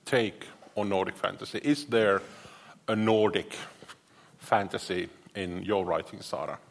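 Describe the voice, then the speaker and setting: A man's voice: sits low, fairly even intonation, measured pace, gravelly. A man moderating a panel discussion in a wry, self-mocking, joking way. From Finland.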